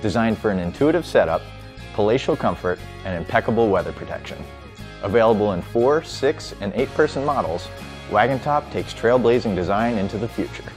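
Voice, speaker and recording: A man reading a scripted promotional voice-over with a smooth, polished delivery. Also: fairly low pitch, expressive, a little fast. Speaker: product narrator. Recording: voice-over with light music underneath.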